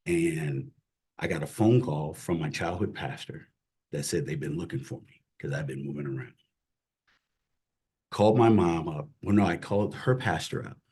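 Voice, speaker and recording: A middle-aged man, a chaplain, telling his personal faith story as an interview guest in an earnest, emotional way that drops to a hush at hard moments. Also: deep voice, normal speed, pauses often, husky. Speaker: chaplain and CPE director, guest.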